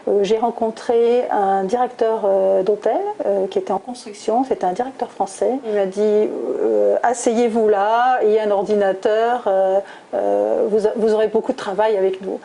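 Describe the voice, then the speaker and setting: A middle-aged woman, a guest answering interview questions thoughtfully, pausing often with hesitations. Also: medium pitch, steady tone, gravelly, dark tone, rough recording. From France, southwest (Toulouse). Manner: thoughtful, many hesitations with "euh". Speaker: guest, recruiter.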